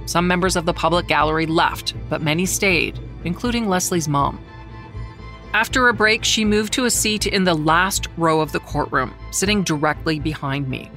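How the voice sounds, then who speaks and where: A middle-aged journalist narrating a true-crime story in a measured, somber way, slowing down on the grave details. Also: mid-range voice, sharp tone. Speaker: journalist who covered the trial, narrating.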